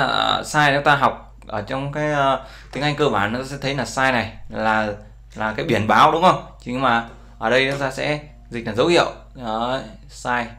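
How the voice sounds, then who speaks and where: A man's voice: mid-range voice, gravelly, bright, forceful tone. Chatty man teaching from his screen. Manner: explains with many fillers and repeated checks with viewers. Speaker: English teacher. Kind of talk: screen-share language lesson.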